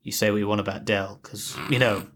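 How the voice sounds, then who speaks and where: A man's voice: lowish voice, steady tone, brisk, fairly bright tone. A man co-hosting a podcast, talking casually and rambling with many restarts and fillers. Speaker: podcast co-host. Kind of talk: casual tech chat.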